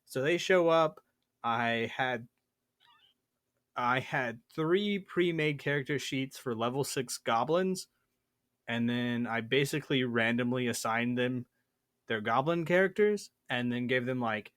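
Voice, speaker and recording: A man's voice: medium pitch, unhurried, fairly bright tone, dry recording, studio quality. A man hosting a tabletop gaming podcast, telling a story in a playful, boastful way. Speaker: podcast host. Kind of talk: casual chat.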